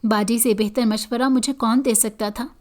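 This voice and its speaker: Woman narrator for horror audio stories, steady, slightly high pitch. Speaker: storyteller. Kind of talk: scripted first-person horror narration.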